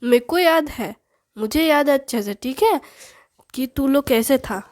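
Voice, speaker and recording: A woman voicing a bossy, loud middle-aged mother who scolds and teases her children. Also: high-pitched, expressive, a little slow. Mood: scolding. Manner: scolding, teasing, commanding.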